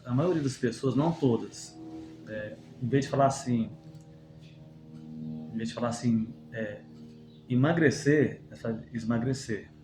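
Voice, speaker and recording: A man's voice: mid-range voice, normal speed, pauses often. A man hosting a podcast who asks curious follow-up questions and brings in everyday examples. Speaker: podcast host. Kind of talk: casual interview questions. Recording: echoey room with music behind.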